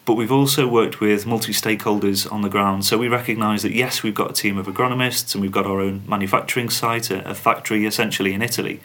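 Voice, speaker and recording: A man speaking as a company spokesman on a podcast, giving measured, businesslike interview answers. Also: fairly low pitch, steady tone, a bit bright. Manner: measured, corporate, uses fillers.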